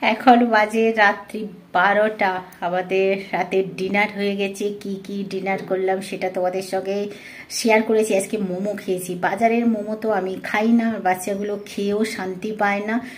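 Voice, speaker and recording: Chatting to her audience like friends, a middle-aged woman with a Bengali accent narrates a cooking vlog in her home kitchen, where she's a housewife and vlogger. She has a mid-range voice, delivered flatly at a moderate pace, with slight background noise.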